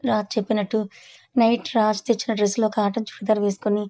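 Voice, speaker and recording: A woman reading a romantic family story aloud in a steady, even way as narrator. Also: medium pitch, quick pace. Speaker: story reader.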